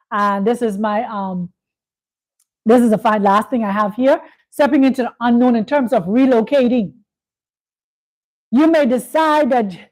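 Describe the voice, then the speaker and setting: A woman's voice: fairly high pitch, a little mellow, poor audio. A woman hosting a spiritual talk, speaking in a preachy way, repeating phrases and checking in with "you see?". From Bahamas. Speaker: host. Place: Kenya.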